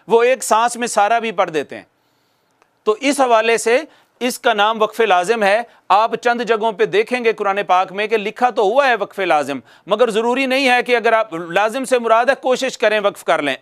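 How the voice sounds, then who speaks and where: Male recitation teacher from Pakistan, high-pitched, patient, repeats himself for emphasis. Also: fairly bright tone. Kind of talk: video lesson to viewers.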